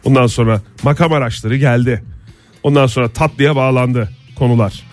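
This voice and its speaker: A man co-hosting a morning radio show, telling news stories in a dry, joking way with drawn-out pauses. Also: mid-range voice, soft background music. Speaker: radio co-host.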